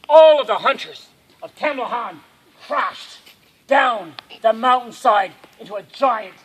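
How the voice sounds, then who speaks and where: A man telling a campfire story at a camp, dramatic and swinging from hushed to loud. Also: very high-pitched, lively intonation, a little slow, breathy edge, low-quality recording.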